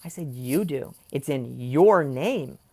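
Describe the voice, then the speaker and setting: An angry young man rants into the camera, swearing freely and veering off on tangents. His voice has a gravelly rasp and swings widely in pitch as he vents. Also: lively intonation, takes it slowly, a little mellow. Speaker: vlogger. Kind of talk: ranting personal vlog.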